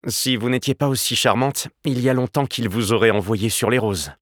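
A man reading a novel aloud and voicing a calm young man who speaks wryly. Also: mid-range voice, a little fast, dry recording, clean studio sound, voice pushed up, lightly acted. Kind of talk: audiobook character voice.

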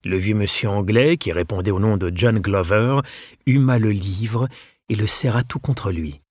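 Husky-voiced man narrating an audiobook. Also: fairly low pitch, moderate pace, no room sound, studio quality.

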